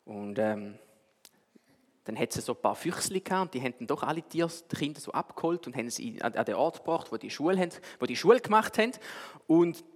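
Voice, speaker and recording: Animated preacher, echoey hall. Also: male voice, medium pitch, fast talker. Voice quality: lively storyteller, animated. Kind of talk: sermon with a told story.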